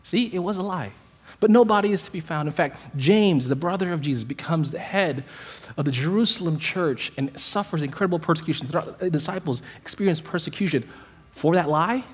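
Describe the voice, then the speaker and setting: A male pastor delivering a sermon, his voice a little husky and set fairly high for a man. He talks in animated bursts and often stumbles over repeated words as he restarts. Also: fairly quick.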